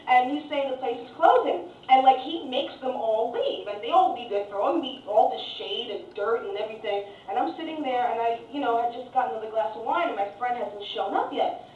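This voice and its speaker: A woman's voice: a little high, fairly quick, slight background noise. An American woman telling a profane, chatty stand-up story. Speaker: stand-up comedian. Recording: distant roomy dull live recording.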